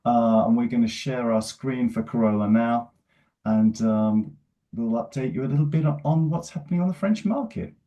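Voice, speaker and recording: Mellow-voiced man moderating a webinar. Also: medium pitch, normal speed. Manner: friendly, introduces panelists, stumbles over names. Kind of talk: hosting a webinar.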